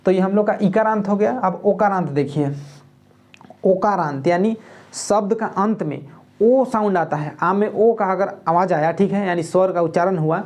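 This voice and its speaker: A woman's voice: medium pitch, normal speed, a little mellow. A woman with a Jharkhand Hindi accent teaching an exam-prep grammar lesson, explaining step by step and often checking "okay" with her students. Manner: explanatory, repeats "ठीक है" often, reads Nagpuri lines aloud.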